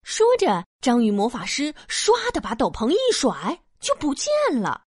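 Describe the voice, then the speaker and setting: A woman narrating a scripted children's story in an expressive storytelling manner. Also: on the high side, unhurried, husky, no room sound, studio quality.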